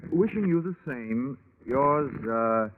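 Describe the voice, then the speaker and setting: An American radio drama lead actor plays a wry, sardonic, wisecracking private investigator in 1940s detective style, delivering deadpan quips. His male voice is medium-pitched, slow and narrow. The band-limited recording sounds tinny, with music and slight background noise, like a 1940s radio broadcast.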